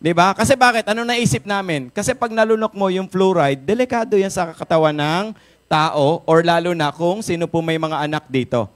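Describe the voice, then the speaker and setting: A man with a Filipino accent giving an energetic, jokey product talk to a live audience, often asking the crowd questions. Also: high voice, normal speed. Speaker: product seminar speaker. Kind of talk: lively sales pitch to a live audience. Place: event room with a live audience.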